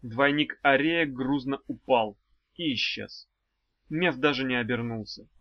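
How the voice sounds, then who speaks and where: A man narrating a fantasy audiobook in a measured, even reading. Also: mid-range voice, dry recording, lo-fi sound. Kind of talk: scripted narration.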